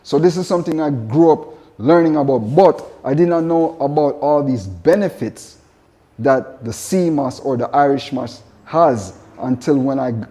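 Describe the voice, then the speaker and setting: This Jamaican-accented man from Jamaica has a dark voice on the high side and a moderate pace. A vegan chef, he presents casually and earnestly, with repetitive phrasing and occasional spiritual asides.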